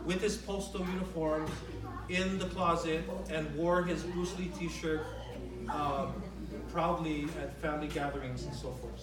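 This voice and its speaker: A middle-aged man with a fairly high voice delivers an informal eulogy for his father. His speech is conversational and halting, with phrases repeated as he goes. He is recorded at a distance from the microphone in a very echoey room. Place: large reverberant room at a memorial gathering.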